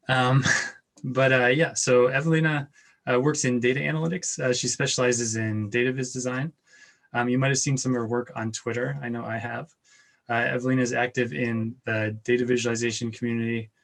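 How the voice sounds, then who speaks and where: Male host on a video call, mid-pitched, halting intro full of fillers. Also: a bit bright. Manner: hesitant, many fillers. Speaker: meetup host. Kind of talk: introducing a speaker.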